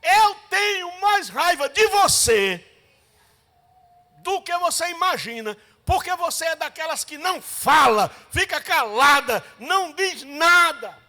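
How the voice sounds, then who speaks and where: A preacher voicing an angry woman shouting insults at a neighbor's door. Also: very high-pitched, expressive, slow pace, pitched above the performer's own voice, exaggerated voice. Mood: furious shouting. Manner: yelling, scolding. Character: furious shouting woman neighbor, hateful and loud.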